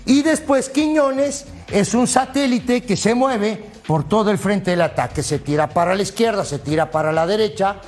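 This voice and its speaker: Man, high pitch, sports panel analyst, explanatory, faint background music. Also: moderate pace, hardly any pauses. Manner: explanatory, checks in with tag questions. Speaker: football analyst.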